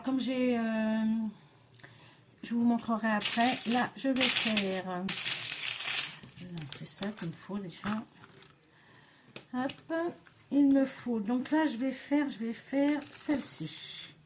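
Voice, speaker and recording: A woman's voice: fairly high pitch, noisy background. A woman, demonstrating a craft project in a chatty, hesitant way, full of fillers and self-talk. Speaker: crafting tutorial host.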